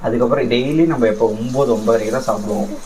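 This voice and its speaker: A man's voice: mid-range voice, fairly even intonation, fast, a little mellow, slight background noise, poor audio. A man in a casual couple vlog, insistent and teasing as he pranks his partner in a home kitchen at night.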